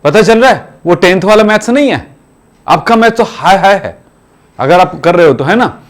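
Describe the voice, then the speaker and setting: A man's voice: sits high, lively intonation, moderate pace. A man teaching chemistry in a classroom, urging students to study every day in a repetitive, exhorting way. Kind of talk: classroom lecture.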